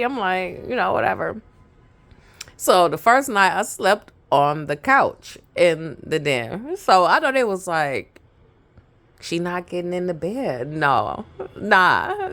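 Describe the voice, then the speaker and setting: A woman's voice: mid-range voice, fairly bright tone. A woman in her thirties with a Brooklyn accent, telling a rambling family story to camera and laughing often. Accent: Brooklyn, New York. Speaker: vlogger.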